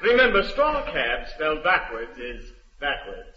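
An actor playing a jovial radio announcer with smooth, jokey patter. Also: male voice, fairly high pitch, huge pitch swings, a little slow, dull audio. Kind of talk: 1940s radio comedy. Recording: distant, hissy old radio recording.

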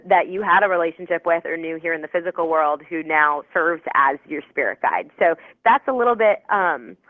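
A woman's voice: fairly low pitch, no echo. A woman in her twenties, a psychic medium guest on a radio show, talking over the phone in a bubbly, rambling way with lots of fillers. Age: 20s. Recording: tinny phone line, dry.

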